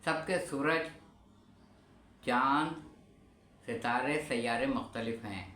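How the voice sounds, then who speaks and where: A man giving a religious lecture in a measured, explanatory way, pausing on key terms. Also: medium pitch, bright, forceful tone, slight background noise. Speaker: religious speaker. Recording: echoey room with faint ambience.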